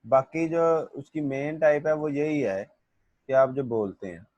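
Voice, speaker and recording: A male teacher giving a classroom lecture. He reads English definitions slowly, explains them in Hindi-Urdu, calls his students "beta" and checks whether they understood. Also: fairly high pitch, a little mellow, dry recording, lo-fi sound.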